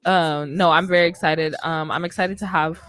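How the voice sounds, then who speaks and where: This young woman's voice sits low and steady, a little bright and clean, at a normal speed. She hosts a radio show in a curtained indoor studio, chatting loosely and informally with plenty of slang as if on a casual podcast. She has a headset on and speaks into a close studio mic on a boom arm.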